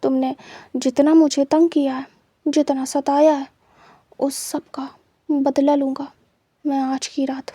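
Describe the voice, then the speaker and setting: A woman voicing a menacing, possessive young man who gloats and threatens in a quiet, low voice for a storybook reading. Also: level tone, takes it slowly, pauses often, no room sound. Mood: gloating.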